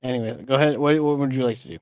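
A man's voice: mid-range voice, steady tone, racing, clear, resonant tone, dry recording, lo-fi sound. Dry-sounding man as game master. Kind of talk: running a tabletop game, narrating and voicing a shopkeeper.

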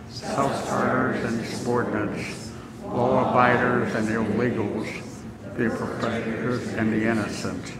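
A man leading worship as liturgist, reading prayers and scripture in a measured, solemn way from a church lectern. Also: lowish voice. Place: large church sanctuary. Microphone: lectern microphone. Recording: distant mic, long church reverb.

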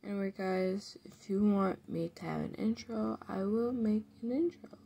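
A woman just out of bed, talking softly through a game, her words mumbled and sometimes dropping to a whisper. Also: mid-range voice, moderate pace, gravelly, breathy edge. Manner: soft, mumbled, drifts into whispers. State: just woke up, low energy. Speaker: gaming video creator. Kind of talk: casual gameplay commentary.

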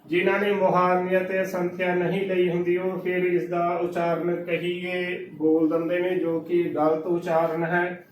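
A man's voice: high-pitched, completely flat delivery, a little slow, roomy sound, recorded from a distance, slight background noise, rough recording. A man with a Punjabi accent teaching pronunciation, spelling out words letter by letter in a patient, corrective way. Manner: repeats each word letter by letter, patient and corrective. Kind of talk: slow methodical spelling-out lesson.

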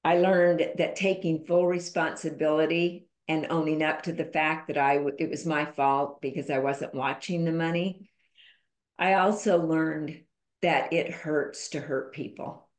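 A woman's voice: low voice, steady tone, unhurried. A woman guest on a podcast, telling a personal story in an emphatic, candid way. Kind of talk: conversational storytelling interview. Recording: roomy echo.

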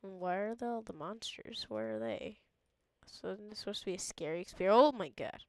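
A woman's voice: medium pitch, big pitch swings, brisk, no echo. Playful woman doing game commentary. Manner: playful, jokey, mock-dramatic; often drops into a whisper. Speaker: gamer. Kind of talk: let's play commentary.

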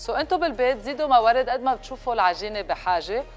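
A cooking show host, a woman in her thirties with a Lebanese accent, presents a recipe to camera on an indoor kitchen set with music playing. Her voice is high-leaning, animated and rapid-fire, and she mixes English words into her speech.

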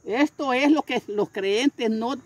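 An older man, a street preacher, telling his story in a husky voice with fervent repetition and acted-out voices. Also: very high-pitched, slow pace, dry recording. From Honduras. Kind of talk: storytelling interview.

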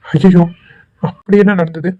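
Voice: medium pitch, steady tone, narrow, tinny audio, natural voice. A performer voicing a kind, worried young man in a cartoon, talking anxiously and pleading. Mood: concerned. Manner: anxious, pleading, talks quickly. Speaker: cartoon character. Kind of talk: Tweencraft cartoon voice acting.

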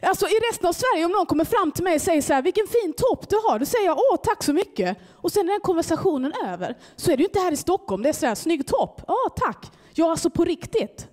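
A woman's voice: very high-pitched, few pauses. A woman performing a stand-up comedy set in a club, telling stories and acting out short exchanges. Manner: animated storytelling, acting out short dialogues. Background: audience laughter.

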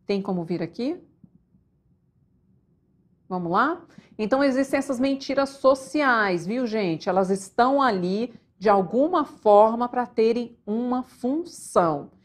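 A Brazilian woman psychologist hosting a live online talk, chatty and animated, often checking in with her viewers. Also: on the high side, unhurried. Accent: Brazilian Portuguese. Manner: chatty, addresses viewers as "gente", frequent "tá?" tags; animated, gives stage directions to the crew mid-talk.

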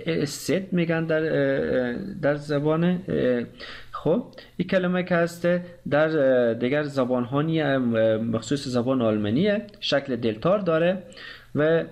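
A man with an Afghan Dari accent teaching German grammar, pausing often with fillers and reading verb conjugations slowly. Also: fairly high pitch, a little mellow. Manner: hesitant, many filler sounds, slow careful German conjugations. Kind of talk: explaining grammar, conjugating verbs aloud.

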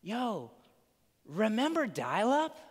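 Guy doing a chill barista bro, way higher voice, brushing u off, big echoey church. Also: wildly swooping pitch, takes it slowly, a little hiss or hum, exaggerated voice. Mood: dismissive. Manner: slangy, brushing off a complaint. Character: laid-back dismissive young male barista.

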